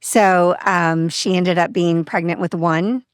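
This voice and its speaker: A woman's voice: lowish voice, slow, clear, resonant tone, dry recording, studio quality. A woman guest on a podcast telling a personal story in a casual, open way, acting out what people said. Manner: open, animated, acts out quoted dialogue.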